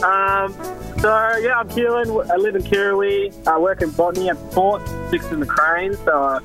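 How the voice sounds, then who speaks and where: Cheeky, high-voiced Australian man calling in. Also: steady tone, normal speed. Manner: cheeky, flirty, laid-back joking. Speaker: radio phone-in dating contestant. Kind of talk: casual chat. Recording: phone call over music bed. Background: music.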